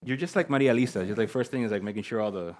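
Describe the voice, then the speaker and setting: A man's voice: lowish voice, racing, a little mellow. A man moderating a conference panel, introducing the guests in an upbeat, joking way. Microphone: shared handheld mic.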